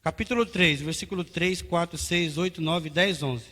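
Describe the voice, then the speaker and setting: A Brazilian pastor delivers a sermon in a notably high voice. His words ring with a long hall reverb. He builds to fervent, insistent emphasis. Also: moderate pace, a bit bright. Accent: Brazilian Portuguese. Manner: preaching, rising to fervent emphasis. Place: church hall.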